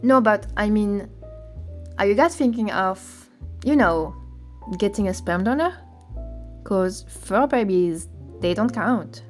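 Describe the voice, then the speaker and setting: Questioning woman, animated short, mid-pitched and earnest, over a music bed. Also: takes it slowly, long pauses. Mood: probing. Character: opinionated woman, later a polite, attentive therapist. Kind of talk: animated short film dialogue. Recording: music under the voice.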